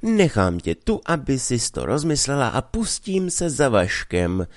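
A man reading a story aloud, voicing a pushy middle-aged marriage broker who coaxes in a drawn-out, sing-song way. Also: medium pitch, sing-song, dry recording, studio quality, pitched above the performer's own voice, lightly acted. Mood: coaxing.

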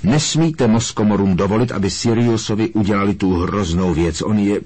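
A man reading an audiobook, voicing an agitated teenage boy who pleads and shouts urgently. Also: lowish voice, breathy edge.

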